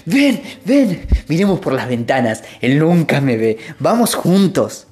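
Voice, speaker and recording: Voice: medium pitch, very animated, a little slow, darkish tone. A storyteller voicing a self-righteous, fault-finding brother who talks in an eager, wheedling tone.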